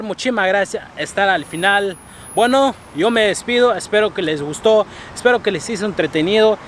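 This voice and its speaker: Chatting casually with people on the street for his vlog, a high-voiced man blends Spanish with English and laughs a lot. He's from abroad and moved to the US when he was fifteen, and a little background noise can be heard.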